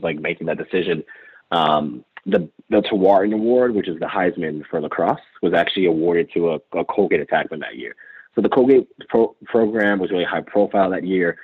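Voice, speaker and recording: A man's voice: sits low, breathy edge, no room sound. A young man telling his story as an interview guest, reflective and full of fillers and restarts. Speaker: interview guest, former college lacrosse player. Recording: tinny phone-line sound.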